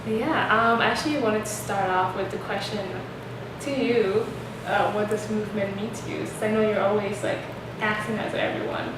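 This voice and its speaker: A young woman hosting a relaxed chat who rambles along, filling her talk with "like" and "um". Her voice comes from a distance in a strongly echoing room. A clear noise bed sits underneath. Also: medium pitch, normal speed. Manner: rambling, many fillers like "like". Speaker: host. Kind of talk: casual chat. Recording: echoey room, distant mic, noisy.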